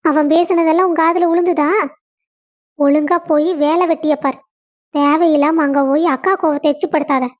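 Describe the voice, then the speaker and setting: A stern middle-aged mother who scolds her child, as a woman acts her out, speaking with a Kongu Tamil accent. Her voice sits very high. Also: fairly even intonation, normal speed, close to an everyday voice. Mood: scolding.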